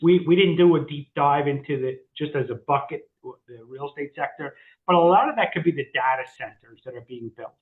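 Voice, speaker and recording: A man co-hosting a casual market discussion, halting with frequent fillers and restarts. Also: fairly high pitch. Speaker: co-host, financial advisor. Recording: echoey, phone-like sound.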